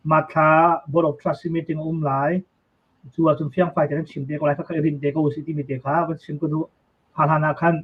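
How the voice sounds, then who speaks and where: Husky, flat-voiced man, lo-fi. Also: fairly high pitch.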